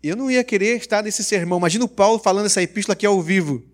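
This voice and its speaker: Preacher: man, high voice, energetic sermon, emphatic. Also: racing. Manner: energetic, emphatic, rhetorical questions.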